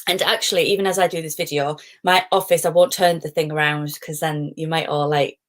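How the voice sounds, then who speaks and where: A woman's voice: sits low, steady tone, fairly quick. A middle-aged woman, hosting a live stream as a positivity coach, chatty and digressive with frequent laughs. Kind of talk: casual live-stream talk.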